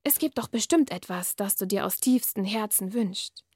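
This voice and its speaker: A woman reading from her novel, voicing a sly, sinister night creature in a slow, coaxing, half-whispered hiss. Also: medium pitch, lively intonation, a little mellow, breathy edge, dry recording, studio quality.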